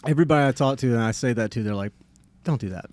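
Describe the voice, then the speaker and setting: A man's voice: mid-range voice, very fast, a little mellow. A laid-back man, hosting a podcast in casual, joking, self-deprecating chat. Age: 40s. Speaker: podcast host.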